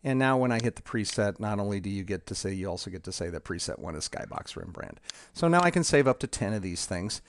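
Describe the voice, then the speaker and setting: A man with a fairly low voice talks through a software demo, halting and restarting often as he clicks along. His delivery is loose and unscripted, full of ums. A faint hiss sits under the voice. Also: expressive. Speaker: software developer demonstrating his tool. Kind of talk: casual software demo walkthrough.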